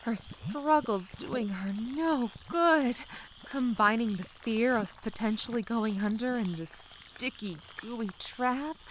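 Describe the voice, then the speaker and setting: Gooey quicksand effects and a faint bubbling mud ambience play behind a woman narrating a dramatic, scripted story for a comic dub. Her pitch is medium, and the audio carries a little hiss or hum.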